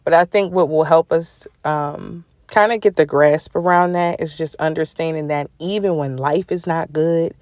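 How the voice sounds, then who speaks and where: A young woman hosts a faith encouragement podcast in a low, grounded voice. She talks informally, like she is chatting with a friend, with easy laughing asides. The recording is close and dry, with no room around her. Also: steady tone, normal speed, few pauses, darkish tone, dry recording. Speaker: podcast host. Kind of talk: devotional encouragement talk.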